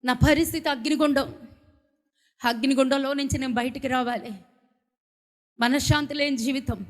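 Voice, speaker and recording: A Telugu-accented woman pastor preaches with a high voice that climbs into loud, pleading outbursts. Her words ring through a large church hall with a long, trailing reverb. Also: steady tone, moderate pace. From India. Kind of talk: emotional sermon.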